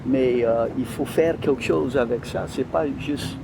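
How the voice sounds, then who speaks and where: A man's voice: mid-range voice, a little slow, creaky, noisy background. A man with a Louisiana French accent talking in an interview, hesitating often as he searches for words. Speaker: interview guest. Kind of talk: conversational interview.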